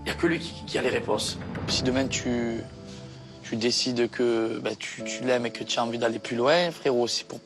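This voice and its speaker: A young man talks casually to a friend, giving advice with emphasis and plenty of slang. He repeats himself to make his point. Music plays clearly behind him at a medium-pitched voice. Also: steady tone, normal speed. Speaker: reality show contestant. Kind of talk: casual chat, advising a friend. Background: music bed.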